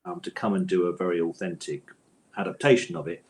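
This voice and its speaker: This middle-aged author and audio drama scriptwriter speaks at a quick pace in a low-pitched voice while answering as an interview guest. His replies are thoughtful and hesitant, and he keeps rephrasing as he goes.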